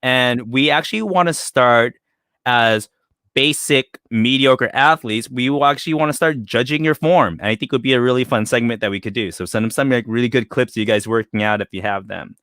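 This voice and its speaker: Young male podcast co-host, loose jokey delivery, mid-pitched, dry close-mic sound. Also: a little fast, a bit bright, clear, resonant tone, no room sound. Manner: joking, rambling with fillers and restarts. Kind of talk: casual chat.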